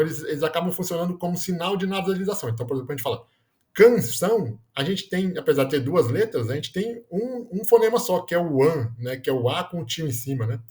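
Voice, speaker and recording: A man explaining grammar in a lesson, often checking in with "né?" and correcting himself mid-word. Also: a little high. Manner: explanatory, frequent "né?" tags, self-corrections. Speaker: teacher.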